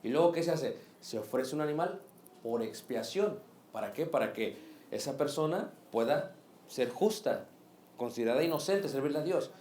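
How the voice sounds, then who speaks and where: A man preaching a sermon, lively and asking the congregation questions. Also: medium pitch, moderate pace, roomy sound, slight background noise. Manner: animated, asks the congregation questions.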